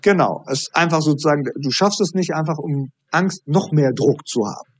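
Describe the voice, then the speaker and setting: Husky-voiced male coach, dry sound. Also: a little high, a little fast, no room sound. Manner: animated storytelling, acting out dialogue. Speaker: high performance coach. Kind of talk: podcast interview guest.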